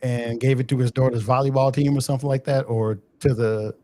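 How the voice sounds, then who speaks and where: A man's voice: mid-range voice, flat delivery, brisk, warm tone, slight background noise. A man in his forties co-hosting a podcast, teasing with wry humor and leading the topics. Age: 40s. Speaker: podcast co-host. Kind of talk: casual chat.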